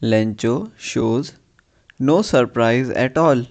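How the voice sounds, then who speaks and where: A man giving an English dictation as a teacher, reading deliberately phrase by phrase and repeating phrases. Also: medium pitch, gravelly, darkish tone.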